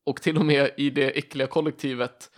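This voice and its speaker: A man's voice: medium pitch, flat delivery. A young man telling a rambling story in casual chat, full of fillers.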